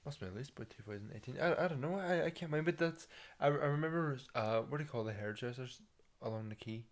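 Derry man, mid-pitched, chatty and halting, casual conversation. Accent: Derry, Northern Irish. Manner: chatty, reminiscing, hesitant restarts. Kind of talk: casual chat.

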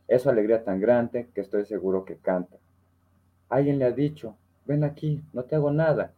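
A man's voice: medium pitch, moderate pace, phone-quality sound. A man, talking reflectively about a poem with many tag questions, then reciting it. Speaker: participant reading a poem. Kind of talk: casual literary discussion and poem recital.

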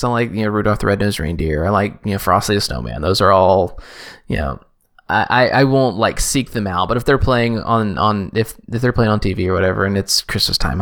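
A man co-hosting a podcast, chatting casually and rambling with many halting restarts. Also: lowish voice, vocal fry, fairly bright tone. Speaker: podcast co-host. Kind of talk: casual chat.

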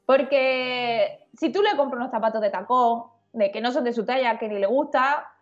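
A woman guest on a podcast interview, talking in an animated, slangy and frank way. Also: fairly high pitch, normal speed, dull audio. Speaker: guest illustrator. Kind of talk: conversational interview.

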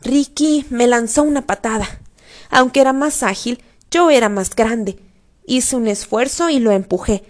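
A woman reading a first-person story aloud in a steady, expressive way. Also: on the high side, unhurried. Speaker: audiobook narrator.

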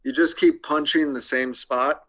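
A young man talks slowly and deadpan as a podcast guest, cracking crude jokes and pausing on frequent ums. His voice has a bright, forward edge. The recording sounds a little muffled. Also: fairly high pitch. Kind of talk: casual interview chat.

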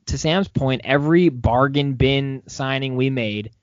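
A man's voice: medium pitch, measured pace, no room sound. A man co-hosting a sports podcast, talking casually in an upbeat, rambling way with many restarts. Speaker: podcast co-host. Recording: dull lo-fi dry sound.

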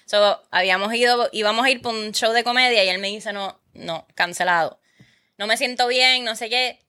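A woman tells an animated story full of swearing in relaxed podcast chat. Her voice is high and bright. She acts out the quotes as she tells it. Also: a little fast.

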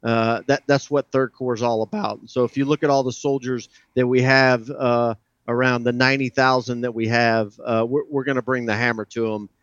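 A man's voice: mid-range voice, level tone, brisk, no echo, lo-fi sound. A middle-aged man from south Louisiana, a senior soldier answering interview questions in a proud, plain-spoken, gung-ho way. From south Louisiana, United States. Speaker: army command sergeant major, guest.

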